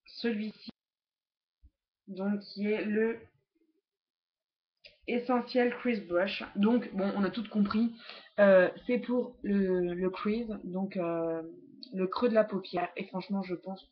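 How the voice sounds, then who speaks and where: A woman's voice: medium pitch, steady tone, slow pace, long pauses, highs cut off. A woman casually reviewing makeup brushes, hesitant and chatty with many fillers, recorded at home on a laptop webcam. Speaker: beauty vlogger.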